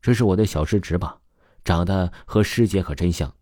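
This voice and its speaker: A man's voice: sits low, brisk, dark tone, no room sound, clean studio sound. A man doing a sneering middle-aged schemer. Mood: mock friendly. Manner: falsely friendly, sneering. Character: sly, menacing middle-aged man in a suit. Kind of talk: audio storytelling.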